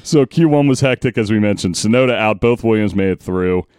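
A man's voice: fairly low pitch, a little fast, darkish tone, smooth, no echo. A man co-hosting a podcast in casual sports chat, close on the mic. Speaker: podcast co-host.

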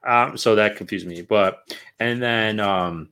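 Animated young man telling stories. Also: on the low side, slow, clean tone. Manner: animated storyteller, swears freely, acts out quotes. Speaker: podcast co-host. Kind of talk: casual chat.

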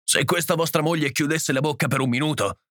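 A man's voice: fairly high pitch, a little fast, fairly bright tone, no echo, clean studio sound, voice pushed up, close to an everyday voice. A man voicing a curt, irritated husband who answers sharply in a clipped tone. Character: curt, irritated husband defending his home.

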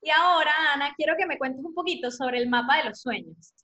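A woman's voice: high voice, a little fast, bright, forceful tone, echoey room, lo-fi sound. A woman host leading an interview, enthusiastic as she asks her guests questions. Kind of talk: interview hosting.

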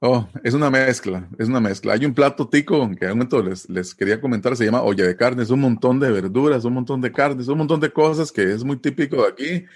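A man with a Costa Rican Spanish accent speaks as a guest in a conversational interview. His voice sits at a medium pitch. He explains things informally and often adds a short tag question to check that he is followed. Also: fast, few pauses. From Costa Rica.

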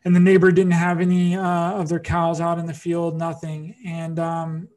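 Male podcast host, fairly high and monotone, casual and rambling. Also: moderate pace. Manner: rambling storytelling, many fillers and restarts. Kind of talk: casual interview chat.

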